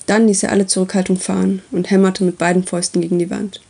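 A woman reading a story aloud as its narrator, with steady, even delivery. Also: medium pitch, fast, creaky, breathy edge.

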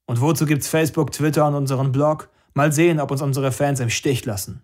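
A man's voice: medium pitch, steady tone, fairly quick, a little mellow, close to an everyday voice. Band leader, male reader voicing, young, defiant, clipped delivery. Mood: terse. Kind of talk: audiobook character voice.

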